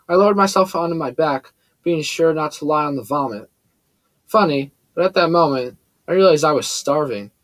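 A man narrates a first-person story in a measured, steady way, with a voice sitting a touch higher than most men's. The recording is close and completely dry, with no room sound. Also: no echo. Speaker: audiobook narrator.

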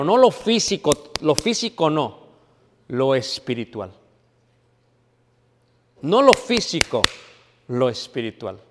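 A man preaching a sermon, emphatic, asking questions and answering them himself. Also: slight background noise. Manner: emphatic teaching, asks and answers his own questions; drops to a quiet, low voice when telling a personal story. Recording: hall with long reverb.

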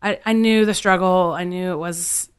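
A thirty-eight-year-old bartender from California talks as an interview guest in a smooth, steady voice on the low side, at a normal speed. Her casual, chatty speech is loose and full of fillers such as "like" and "um".

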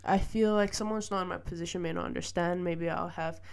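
A woman's voice: lowish voice, steady tone, fast, gravelly, darkish tone, clear, resonant tone. A young woman from Malaysia, a student, talking in a casual personal vlog, reflective and hesitant with many fillers and small laughs. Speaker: student vlogger.

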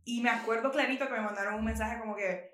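A young Honduran woman co-hosting a podcast, animated and quick to laugh. Her voice carries a noticeable room echo around it. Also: fairly high pitch. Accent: Honduran Spanish. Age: young adult. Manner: animated, laughs readily, uses vos. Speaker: podcast co-host. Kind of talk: casual chat.

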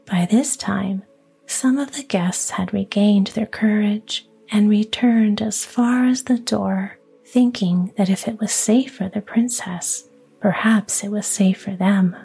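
A woman whispering a fairy tale in a slow, hushed, even storytelling manner, ASMR style. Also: mid-range voice. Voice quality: breathy whisper.

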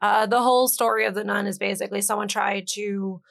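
A woman's voice: mid-range voice, fairly even intonation, fairly quick, gravelly, fairly bright tone. A woman on a casual podcast, a guest horror expert who explains movie lore hesitantly, with many ums.

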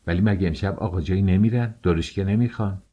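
A man's voice: deep voice, mellow, dull audio. A man reading an audiobook, voicing a wily old servant woman who fawns and wheedles. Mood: fawning. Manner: fawning, wheedling.

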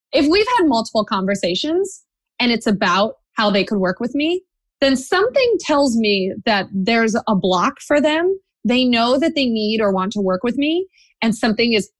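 A woman's voice: fairly high pitch, no echo. A woman guest coach answering interview questions in a confident, direct, encouraging way.

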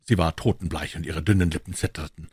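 A man reading an audiobook aloud in an expressive storytelling way. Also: extremely low pitch, fast talker, husky, no room sound, studio quality. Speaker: audiobook narrator. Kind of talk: scripted narration.

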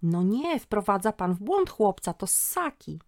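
A woman doing a bright, outspoken young girl. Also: mid-range voice, sing-song, a little slow, dry recording, clean studio sound, voice pushed up. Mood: earnest. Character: bright, outspoken schoolgirl daughter.

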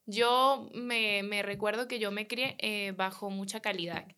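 A Venezuelan woman with a Venezuelan accent, a guest in a casual interview, telling an animated story and acting out the dialogue. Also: mid-range voice, unhurried, clear, resonant tone.

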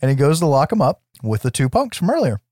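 A man's voice: on the high side, very animated, quick pace, a little mellow, no echo. Casual man recapping scenes, dry recording. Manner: profane, informal storytelling. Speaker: podcast co-host.

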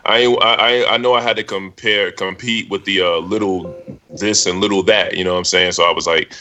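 A Brooklyn-born man talking about his music as an interview guest, relaxed and easygoing. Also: low-pitched, fairly quick, muffled recording. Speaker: rapper guest. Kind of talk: casual interview chat. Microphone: video call setup.

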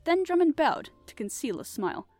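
Expressive woman narrating a classic mystery. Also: high voice, a little fast, soft background music. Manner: expressive, animated reading. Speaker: podcast host and audiobook reader. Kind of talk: audiobook narration.

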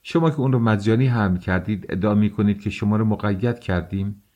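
A man's voice: on the low side, lively intonation, warm tone. A man voicing an agitated middle-aged mother who argues sharply to protect her daughter, in an audiobook reading. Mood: indignant.

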